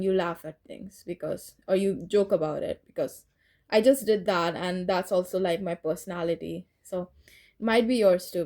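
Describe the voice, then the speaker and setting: A woman's voice: lowish voice, warm tone. A woman giving a casual tarot reading, rambling and correcting herself as she goes, and laughing at her own slips. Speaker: tarot reader.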